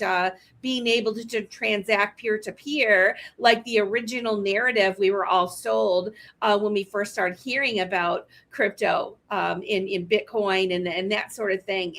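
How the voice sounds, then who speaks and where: A woman's voice: mid-range voice, steady tone, a little slow, few pauses, a bit bright. A woman in her fifties hosting a casual panel chat, chatty and teasing, with easy laughter. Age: 50s. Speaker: host.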